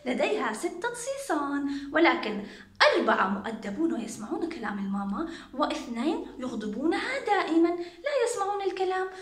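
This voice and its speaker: Brief: young woman, kindergarten teacher, very high lively voice, sing-song counting, roomy echo. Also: brisk. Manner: sing-song, coaxing children to count along. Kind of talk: counting lesson for young children.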